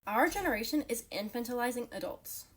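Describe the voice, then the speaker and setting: A woman's voice: on the high side, animated, fairly quick, slight background noise. A woman in her late teens, a young wife and mother, giving blunt, emphatic opinions straight to camera. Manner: emphatic, blunt, rising to forceful points.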